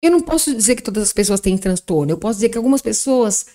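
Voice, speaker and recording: Mellow-voiced woman explaining. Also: medium pitch, lively intonation, racing. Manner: explanatory, uses rhetorical questions. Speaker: psychologist guest. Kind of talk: podcast interview.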